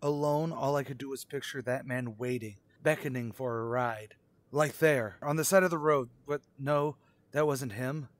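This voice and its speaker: Brooding and haunted, the male actor's medium-pitched voice carries the part of an anxious motorist crossing the country and sliding into obsession. The acting stays light as he narrates and speaks dialogue for this vintage radio thriller, faltering dramatically whenever shaken.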